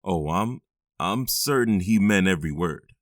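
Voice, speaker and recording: A man voices a deep-voiced middle-aged stepfather, stern but loving, for an audio drama, here in a confiding mood. His low voice is recorded close and dry with no echo, a little slow, and he stays firm and weary with heavy sighs, scolding and comforting with equal steadiness.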